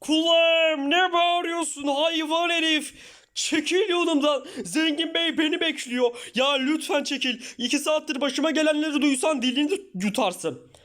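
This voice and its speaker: A man's voice: extremely high pitch, normal speed, a bit bright. A man voicing an exasperated, short-tempered young newcomer in a Minecraft parody, grumbling and sighing at everyone in his way. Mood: fed up. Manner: grumbling, sighs "tövbe tövbe".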